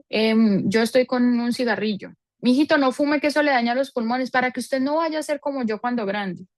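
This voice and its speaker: A woman's voice: medium pitch, dry recording. A woman teaching a parenting seminar, explaining with everyday examples and affectionate diminutives.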